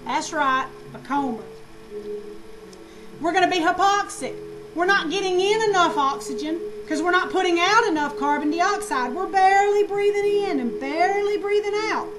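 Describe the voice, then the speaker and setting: A woman with a high, bright-sounding voice lectures a nursing class in a lively, slangy way. She fires questions at the students and answers them herself. The recording carries clear background noise. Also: normal speed. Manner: animated, slangy, asks and answers own questions.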